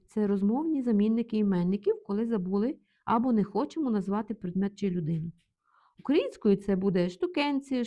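A woman gives a vocabulary lesson in a warm, mellow voice. She reads each example phrase, then translates it. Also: medium pitch. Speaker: language teacher.

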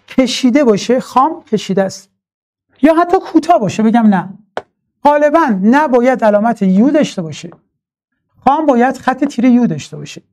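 A man's voice: high voice, darkish tone. Man teaching a recorded online class. Patient and methodical, repeats key terms and addresses students as dear ones. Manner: slowly chants verse lines when reciting.

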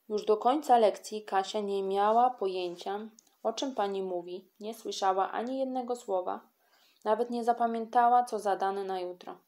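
A woman reading a children's audiobook with lively, expressive storytelling. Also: mid-range voice. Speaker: audiobook reader.

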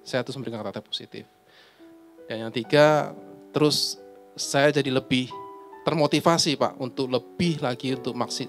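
A man, a guest and husband, giving a sincere, plain testimony and often repeating his phrases. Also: medium pitch. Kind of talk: personal testimony on a talk show. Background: faint guitar music.

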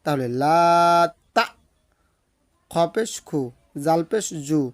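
A man teaching recitation step by step, spelling letter by letter with patient explanations and slowly drawing out each recited word in a sing-song way, in a Bangladeshi Bengali accent. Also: a little high, animated, no echo, studio quality. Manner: slow sing-song drawn-out recitation of words.

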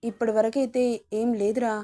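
A woman's voice: fairly high pitch, little pitch movement, normal speed, warm tone, natural voice. A woman voicing a caring, playful young husband in a storybook reading.

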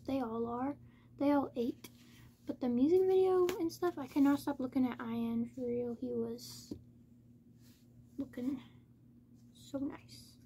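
Casual female unboxing host, high mellow voice, monotone with flat word stress, some background noise. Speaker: K-pop album unboxing host. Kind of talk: casual chat, unboxing commentary.

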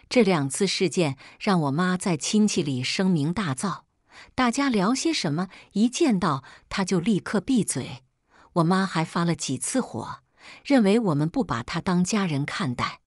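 A woman narrating a scripted first-person family story in a dramatic, expressive way. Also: on the low side, dry recording, clean studio sound.

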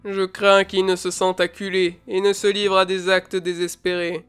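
A woman voicing a stern, fatherly older lord with a beard, speaking in a grave, measured way. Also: medium pitch, flat delivery, clear, resonant tone, soft background music, voice pushed down, lightly acted.

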